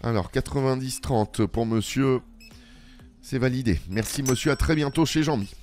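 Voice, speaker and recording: A man's voice: mid-range voice, normal speed, darkish tone, soft background music. A man playing a shop game, chatting as a cashier with customers and an unheard boss. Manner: playful, talks back to unheard boss and customers. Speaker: let's play gamer. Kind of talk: improvised role-play commentary.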